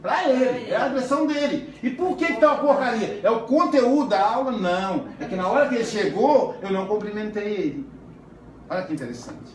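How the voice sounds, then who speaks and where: A man's voice: sits high, expressive, a little fast. A man teaching a psychoanalysis class in a classroom, conversational and stretching words for emphasis. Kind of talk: classroom lecture. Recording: roomy, distant, faint noise.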